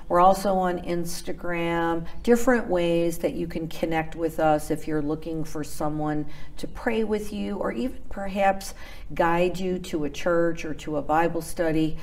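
Slow, low-voiced woman host preaching. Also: a little mellow. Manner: earnest, preachy, gesturing as she talks. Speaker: TV ministry host. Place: TV studio set.

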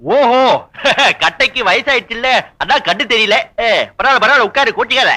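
Brief: a high-voiced, bright, teasing forest officer; old film dialogue, playful banter. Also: male voice, expressive, normal speed, heavily acted.

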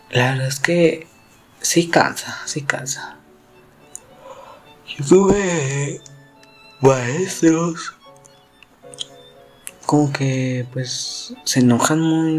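A teenage boy with a Mexican Spanish accent, talking in an unhurried, drawn-out way. He rambles and swears freely in a joking, casual rant over gameplay. Soft music plays faintly behind him. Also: mid-range voice. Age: teens. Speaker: YouTuber.

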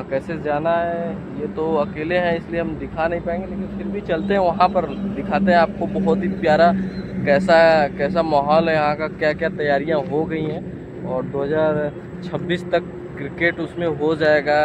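Young man vlogging outdoors on a phone. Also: fairly high pitch. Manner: chatty, addresses viewers directly. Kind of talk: casual walking vlog. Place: outdoors by a highway and fields. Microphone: phone held at arm's length. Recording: dull lo-fi phone audio, faint outdoor noise.

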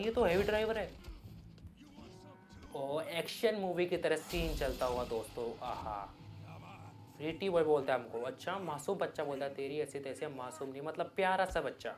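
A man commentates a game as a YouTuber, loud and hyped, shouting at the action on screen. His voice sits at a middle pitch. Game music runs faintly behind him. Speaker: gaming YouTuber. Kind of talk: excited Hindi gameplay commentary.

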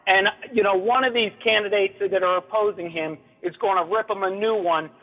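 A man's voice: high voice, steady tone, brisk. A man calling in to a radio show over a phone line, complaining angrily and urgently. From New Jersey. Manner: angry, urgent, indignant complaint.

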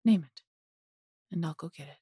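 In an intimate fantasy audio roleplay, a woman voices a large female dragon who is possessive yet doting, coaxing and teasing in a breathy, husky way. Her lowish, dark-toned voice moves at normal speed. The sound is clean studio quality with no echo.

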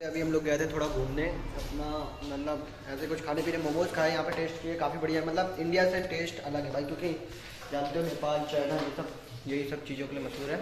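Holding his phone out at arm's length, a young male travel vlogger talks informally to his audience using slang. His fairly high voice barely moves in pitch, he talks fairly quickly, and the audio quality is poor.

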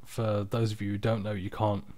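Low-voiced man narrating a screen recording. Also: flat delivery, normal speed, darkish tone, no room sound. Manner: informal, unpolished, off-the-cuff explaining. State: tired. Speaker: software tutorial presenter. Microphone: external microphone, close and dry.

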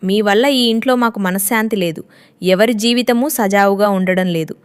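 A woman voicing a harsh young daughter-in-law who scolds in a sharp, complaining tone. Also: medium pitch, moderate pace, smooth, close to an everyday voice. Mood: angry.

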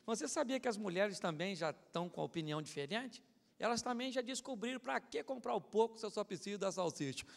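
A man preaching a humorous sermon as pastor, animated, acting out other people and swinging from shouts to mutters. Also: high-pitched, quick pace, gravelly, a little hiss or hum. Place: large church hall. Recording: church hall with long reverb.

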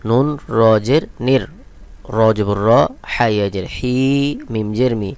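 A man's voice: lowish voice, a little slow, darkish tone, clear, resonant tone. A man teaching Quran reading, spelling out letters and vowel marks one at a time and then drawing out each chanted word. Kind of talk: slow spelling-out lesson with translation.

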